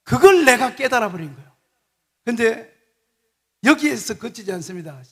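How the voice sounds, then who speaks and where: A man's voice: very high voice, lively intonation, normal speed, bright, forceful tone, husky. A man preaching a passionate sermon in a church and leading the congregation to repeat phrases after him. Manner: impassioned, leads congregation in call-and-repeat. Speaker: guest preacher, missionary. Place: church sanctuary. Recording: long church reverb.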